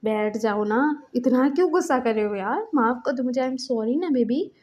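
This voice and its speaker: A woman voicing a calm young man who coaxes his angry lover in a slow, low voice. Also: lightly acted. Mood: coaxing.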